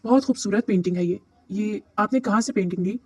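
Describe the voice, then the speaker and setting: A woman's voice: medium pitch, brisk, a little mellow, husky, no room sound, natural voice. A man voicing a bubbly, naive young bride who talks in a chirpy, innocent, childlike way. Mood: delighted.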